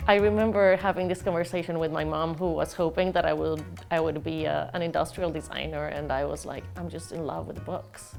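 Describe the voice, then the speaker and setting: A woman from Colombia, a graphic designer, speaking warmly and earnestly in a documentary interview. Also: sits low, fairly even intonation, a little fast, creaky, few pauses. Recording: music bed underneath.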